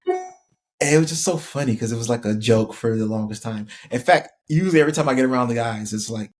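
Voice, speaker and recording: A middle-aged man at an ordinary, middle pitch, talking casually as a podcast guest. He rambles through a story with relaxed fillers and laughs along the way. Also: fast, slight background noise. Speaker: podcast guest, former college football player.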